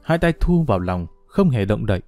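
A man's voice: fairly low pitch, big pitch swings, a little fast, darkish tone, dry recording, soft background music. A man narrating a story as an audiobook, reading expressively.

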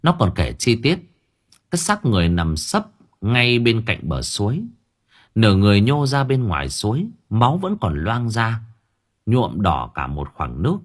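A man narrating a novel as an audiobook in expressive storytelling style. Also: on the low side, moderate pace, husky.

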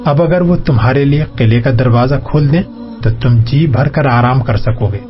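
Guy reading polite young noble rider, calm formal talk, dull lo-fi audio w faint music. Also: medium pitch, natural voice. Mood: courteous. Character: young male noble horseman, courteous.

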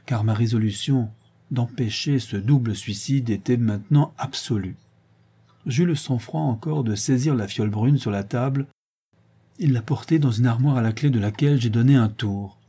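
A man narrating a classic novel as an audiobook in a measured, expressive reading. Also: mid-range voice, slightly rough.

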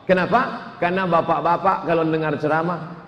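A man preaching a humorous sermon, telling lively stories with comic asides. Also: a little high, normal speed, highs cut off. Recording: echoey hall with long reverb.

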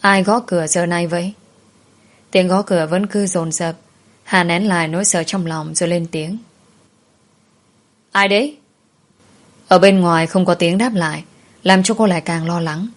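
A woman reading a story aloud in a calm, even scripted narration. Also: lowish voice, normal speed.

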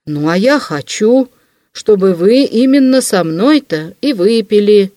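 A woman's voice: mid-range voice, animated, a little slow, dark tone, no echo, clean studio sound, lightly acted. Woman reading as a fawning, stubborn man. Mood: insistent. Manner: fawning yet stubborn, polite "-s" endings. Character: insistent, obsequious middle-aged man pressing a drink. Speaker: audiobook reader. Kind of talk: classic novel audiobook reading.

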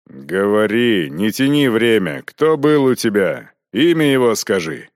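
A man's voice: lowish voice, big pitch swings, measured pace, no room sound, clean studio sound. A man voicing a stern, impatient knight interrogating a widow with curt, barking questions.

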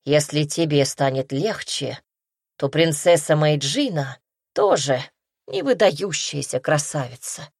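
A woman's voice: deep voice, animated, measured pace, a little mellow, breathy edge, no room sound, studio quality, full character voice. A woman voicing a curt, grumbling, old-souled male companion in an audiobook.

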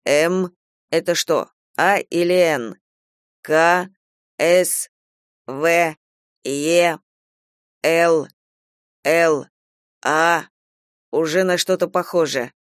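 A woman reading aloud voices a calm young man who talks in a slow, reassuring way. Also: sits low, smooth, dry recording, studio quality.

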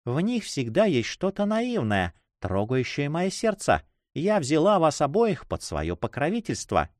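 A sharp, playful young lady full of mockery and wit, voiced by a man. Her lines leap up and down in a lively, animated way. The reading is dry and close. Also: a little high, a little slow, dry recording, voice pushed up. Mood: teasing. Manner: mocking, laughing, lively. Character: playful teasing young noblewoman, quick-witted.

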